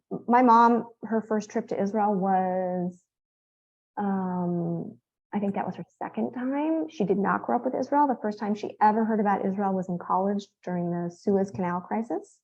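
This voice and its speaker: A woman's voice: mid-range voice, normal speed, darkish tone, muffled recording. Chatty woman in her fifties from California. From San Francisco Bay Area, California. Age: 50s. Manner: rambling, storytelling with many fillers and restarts. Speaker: author guest. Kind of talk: conversational interview.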